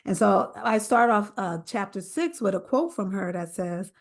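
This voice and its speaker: A middle-aged author from New Jersey, USA, appears as a guest in an interview conversation, speaking earnestly and emphatically. Her medium-pitched, creaky voice moves at a moderate pace, and she quotes other people in animated voices.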